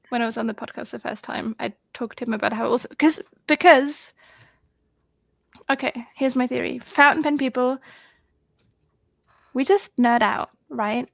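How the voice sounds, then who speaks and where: Woman on a video call, excitable and rambling, slightly high, gravelly. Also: dry recording. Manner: excitable, rambling, lots of fillers. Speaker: guest on a group video chat. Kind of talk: casual chat.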